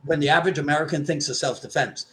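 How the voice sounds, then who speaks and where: A martial arts instructor from Trinidad, raised in Barbados, speaks at a racing pace in a high-leaning, fairly bright voice. In a casual discussion he is thoughtful, restarting often and stressing key points.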